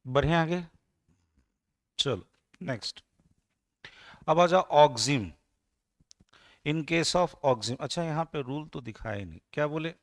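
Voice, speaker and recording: A male chemistry teacher from India lectures in a slightly raised voice, drilling his class with quick repeated questions. He switches between Hindi and English technical terms. The sound is dry and close, with no room echo. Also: fairly high pitch, lively intonation.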